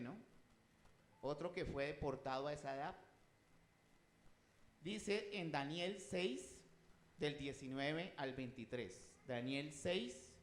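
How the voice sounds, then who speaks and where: A man's voice: fairly high pitch, reverberant. A man preaching a sermon, emphatic and rising in volume as he reads scripture, often asking the congregation questions.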